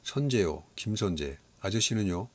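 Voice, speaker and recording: Guy reading a polite calm schoolkid, low voice, audiobook. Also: moderate pace, breathy edge. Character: polite, composed young schoolboy.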